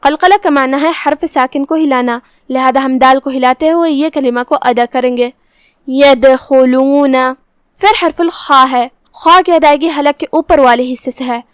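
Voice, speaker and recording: High-voiced woman teaching careful recitation. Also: no room sound, studio quality. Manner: calm, careful, explains each letter step by step. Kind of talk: slow tajweed lesson with recitation.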